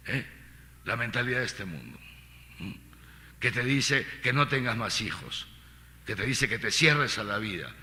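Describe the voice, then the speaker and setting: Bright-voiced archbishop preaching in a hall. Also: male voice, medium pitch. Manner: lively preacher, rhetorical questions, repeats phrases. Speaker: archbishop giving catechesis. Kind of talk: catechesis talk to a congregation. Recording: long reverb of a large hall.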